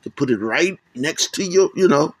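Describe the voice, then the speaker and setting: A man's voice: on the high side, animated, normal speed, slightly rough, dry recording. A man hosting a religious commentary on videos, rambling and often checking in with "man" and "okay?". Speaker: channel host.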